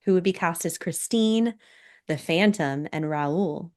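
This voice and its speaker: A woman hosting a casual podcast chat, soft-spoken and laughing often, her voice a little scratchy from being sick. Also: fairly low pitch, measured pace. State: recovering from illness, scratchy voice. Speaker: podcast host.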